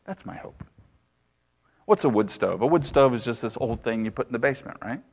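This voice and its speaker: A man's voice: mid-range voice, fast talker, darkish tone. A man preaching a sermon as pastor, emphatic and full of rhetorical questions. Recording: long hall reverb.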